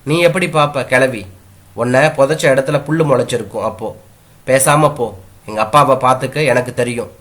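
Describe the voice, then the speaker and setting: A man's voice: medium pitch, quick pace, few pauses, close to an everyday voice. Man reading as a fiery stubborn young village girl. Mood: indignant. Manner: indignant, sharp retorts.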